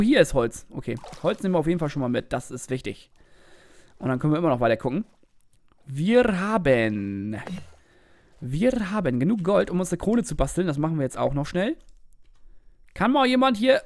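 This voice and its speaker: A young adult with a German accent gives excitable, casual commentary over gameplay. The voice leaps up and down in pitch and talks straight to the viewers. Swearing comes out often. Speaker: gaming video creator.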